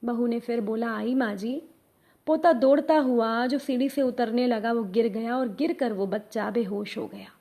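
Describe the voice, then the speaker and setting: A woman narrating a devotional moral story, gently addressing her listeners as the congregation. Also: a little high, moderate pace, few pauses.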